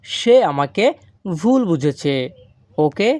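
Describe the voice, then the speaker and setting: A man with a Bangladeshi Bengali accent, teaching a language lesson slowly and deliberately, stressing each foreign word. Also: on the high side, animated, a little mellow, no room sound.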